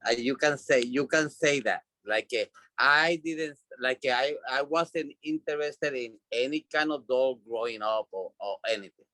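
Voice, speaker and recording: The doll designer, a Puerto Rico native with a Puerto Rican Spanish accent, talks at moderate speed in a medium-pitched, sharp voice. The recording is dry and of poor quality, and as a casual interview guest he often repeats and restarts words telling his story.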